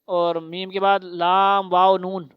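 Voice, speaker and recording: A woman teaching Quran recitation to a child, spelling out syllables slowly for repetition and then explaining rules in quicker bursts. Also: lowish voice, little pitch movement, clear, resonant tone, dry recording, lo-fi sound.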